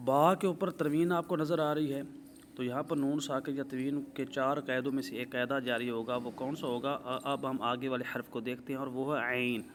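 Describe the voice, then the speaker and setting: A male Quran recitation teacher gives a tajweed lesson, methodically explaining the rules step by step and checking in with "ٹھیک ہے؟". His mid-range voice stays fairly even, he demonstrates recited words in drawn-out, slow fashion, and there's a faint background hiss.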